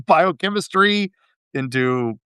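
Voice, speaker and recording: A man's voice: high voice, expressive, slow pace, bright, forceful tone, smooth, no room sound, studio quality. A man hosting a podcast, telling history in a rambling, casual way with frequent laughs. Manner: rambling, laughs often, fillers. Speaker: podcast host.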